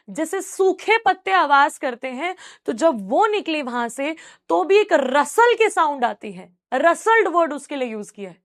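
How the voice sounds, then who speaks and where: High-voiced woman teaching English. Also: fairly bright tone. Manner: reads English lines slowly, then explains them in Hindi, calls students "my child". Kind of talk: classroom lecture explaining a story.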